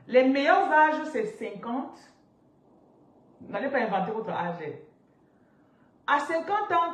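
A woman in her thirties, a spiritual business coach, teaching on a live stream in an animated, interactive way and reading out viewers' comments from a chair indoors. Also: fairly high pitch. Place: indoors, seated on a large ornate chair. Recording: roomy echo, somewhat distant from mic, faint noise.

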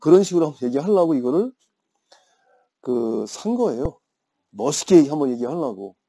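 A man in his fifties teaches an English grammar class in a lecture full of chatty anecdotes, telling playful stories and teasing his students. His slightly high, mellow voice swings widely in pitch, and he keeps a moderate pace.

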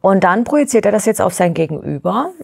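A woman's voice: mid-range voice, very animated, quick pace, gravelly, a little mellow, slightly rough. A woman interviewer asking long, reflective questions and thinking aloud as she goes.

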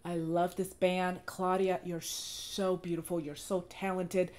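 Woman, reaction host, gushing, somewhat low voice, hoarse from losing it. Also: little pitch movement, a little slow, a little mellow. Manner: enthusiastic, gushing praise. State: losing her voice, clearing throat. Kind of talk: casual reaction commentary.

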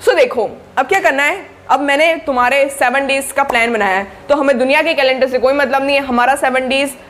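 Young female tutor, fairly high voice, friendly chatty coaching with constant check-ins. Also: brisk, a bit bright, slight background noise. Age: young adult. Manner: chatty and encouraging, with frequent check-ins to the listener. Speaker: study-tips YouTuber for board exam students. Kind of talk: casual spoken study coaching to camera.

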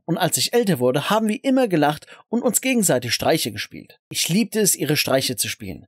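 A young man narrating an animated storytime with an expressive, emotional telling in a dry close voice-over. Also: fairly high pitch, dry recording.

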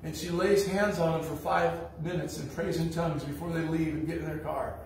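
A man's voice: a little high, fairly even intonation, fairly quick, darkish tone, a little hiss or hum. A man preaching a sermon as pastor, telling stories in a blunt, folksy way. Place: church sanctuary. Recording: echoey church hall from far off.

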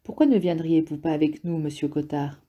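Woman narrator doing a patient, ironic man, low and mellow, for an audiobook. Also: fairly even intonation, fairly quick, lo-fi sound. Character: calm, ironic grown man, patient and probing.

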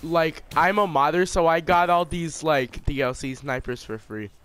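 A man's voice: a little high, moderate pace, fairly bright tone, slight background noise. A man trolling an opponent over game chat, taunting and mocking him with jokey insults. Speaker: online gamer trolling an opponent. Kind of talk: trash-talking game commentary.

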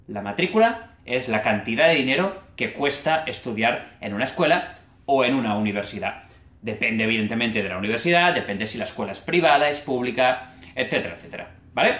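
Young man, Spain Spanish accent, live language teacher, expressive, slows to stress words, echoey room. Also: mid-range voice. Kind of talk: live online Spanish lesson.

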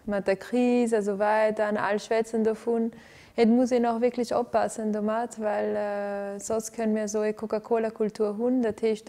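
In a living room rigged with lights for filming, a woman answers an interviewer's questions, stopping and restarting often and leaning on fillers. Her voice is fairly high in pitch yet dark in tone. She is from Venezuela and works as an arts director.

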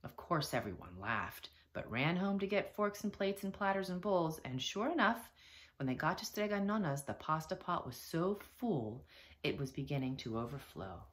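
A teacher reading a children's picture book aloud, with expressive storytelling. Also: female voice, lowish voice, normal speed. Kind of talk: children's read-aloud narration.

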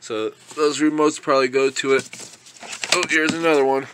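A man's voice: mid-range voice, steady tone, normal speed, noisy background. A young man vlogging as he unboxes storage-unit finds, thinking aloud and chuckling often. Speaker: reseller vlogger. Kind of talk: casual unboxing commentary.

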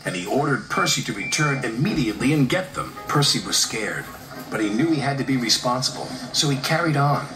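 A man narrating a children's story with expressive, animated delivery. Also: mid-range voice, fairly quick. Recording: roomy echo with music behind.

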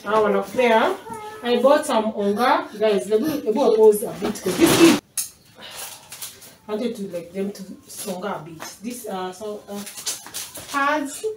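A woman's voice: medium pitch, animated, a little slow, far from the mic. A Kenyan woman in her thirties chatting casually as she unpacks groceries in a small home kitchen, moving around away from the camera. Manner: chatty, unpacking items while talking, drifting from the camera. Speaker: mom vlogger. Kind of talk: casual grocery haul vlog. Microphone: camera mic from across the room. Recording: echoey kitchen, off-mic, noisy.

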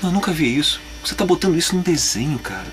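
A man's voice: a little high, sing-song, racing, slight background noise. A man acting out a skeptical, worried male dubbing director with a doubtful, scolding tone.

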